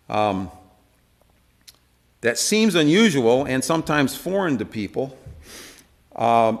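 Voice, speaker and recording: A man's voice: mid-range voice, a bit bright. Chatty man teaching a church Bible class. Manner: conversational, many fillers, asks the room questions. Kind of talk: informal Bible study lesson. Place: church meeting room.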